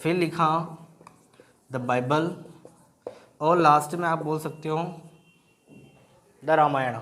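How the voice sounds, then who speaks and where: High-voiced grammar teacher. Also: male voice, a bit bright. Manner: explains in Hindi mixed with English terms, asks and answers his own questions; keeps checking in with "right?". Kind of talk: classroom-style grammar lesson.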